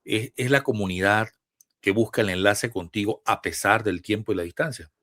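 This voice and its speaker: Brief: Venezuelan male host, low voice, dry close sound, thoughtful measured questions. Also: fairly bright tone, dry recording. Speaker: interviewer, host. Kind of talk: remote interview questions.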